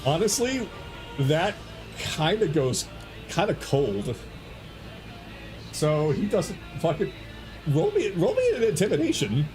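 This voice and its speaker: A man's voice: on the high side, huge pitch swings, takes it slowly, pauses often, over music. A man acting as dungeon master of a tabletop game, talking casually, laughing and swearing freely. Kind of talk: running a tabletop game over voice chat.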